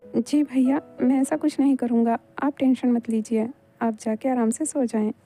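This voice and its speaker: A woman's voice: a little high, fairly even intonation, moderate pace, dark tone, faint music behind, natural voice. A woman voicing a polite, respectful younger brother in a Hindi fan dub, giving deferential replies.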